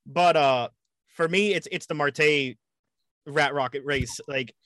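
A man from the United States talking casually as a podcast guest, with a fairly high, bright voice. He rambles and trips over his words, repeating himself as he goes. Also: slow, dry recording. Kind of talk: casual chat.

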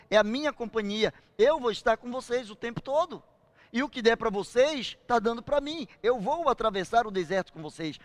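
An older man preaching a sermon, slowing down and swelling on key phrases. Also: high voice, dry recording.

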